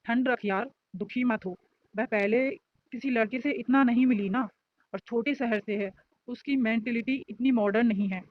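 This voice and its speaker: A woman's voice: fairly high pitch, moderate pace, muffled recording, close to an everyday voice. A woman voicing a nosy, teasing young male college student in a storybook reading. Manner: joking, nosy banter.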